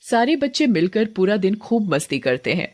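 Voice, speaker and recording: A woman's voice: medium pitch, sing-song, moderate pace, darkish tone. Woman narrating a horror story.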